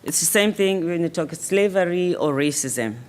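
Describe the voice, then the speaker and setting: A woman's voice: on the low side, expressive, moderate pace. A woman on the panel answering in a firm, reflective way.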